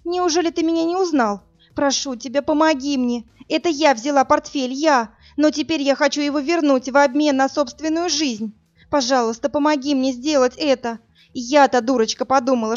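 A woman's voice: sits high, steady tone, moderate pace, a little mellow, pitched above the performer's own voice, natural voice. A woman voicing a desperate young woman on the phone, tearful and pleading, then screaming in anger, in a slightly muffled recording.

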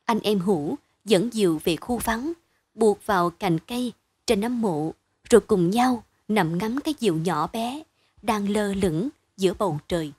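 A woman reading a bedtime story aloud in a calm, measured way. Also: mid-range voice, husky.

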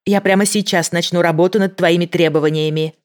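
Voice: mid-range voice, steady tone, a little fast, lightly acted. A reader voicing a female agent who keeps her voice in check while negotiating with a bomber. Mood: tense. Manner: controlled, pleading, restrained. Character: tense female federal agent, holding her voice steady. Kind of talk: audiobook character voice.

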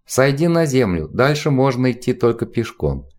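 A man's voice: mid-range voice, very animated, moderate pace, a little mellow, close to an everyday voice. A man voicing a haughty, lazy boy priest of about twelve who speaks in a curt, restrained way in a storybook reading. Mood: aloof.

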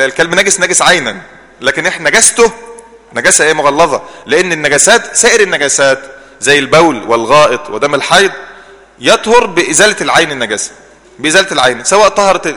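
Quick, bright Egyptian teacher in a hall. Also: male voice, a little high, animated. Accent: Egyptian Arabic. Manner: asks the class leading questions and answers them himself; repeats key words slowly to drill them. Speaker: religious teacher. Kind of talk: classroom Islamic jurisprudence lesson.

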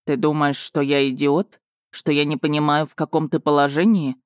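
A restrained dragon-born duke who speaks softly and coaxingly, never raising his tone, as a woman narrator voices him. His voice sits low and close, with a dry, unechoing sound. He stays measured and controlled. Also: little pitch movement, no room sound, natural voice. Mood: firm. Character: man, calm commanding dragon-born duke.

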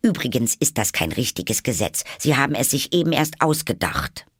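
A man's voice: medium pitch, big pitch swings, moderate pace, fairly bright tone, husky, no room sound, studio quality, voice pushed up. A man voicing a young girl who answers firmly and contradicts the court. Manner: firm and contradicting. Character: bold, indignant young girl Alice.

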